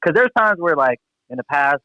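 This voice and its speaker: A man's voice: a little high, animated, a little fast, bright, forceful tone, no room sound. A man in casual conversation, slangy and repeating his phrases in agreement, on a dull radio-like recording. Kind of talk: casual chat.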